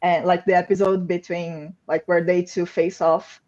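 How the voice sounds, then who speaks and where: A woman excitedly explaining a product on a livestream panel, with lots of "like" fillers. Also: fairly low pitch, moderate pace, highs cut off. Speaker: game company staff member.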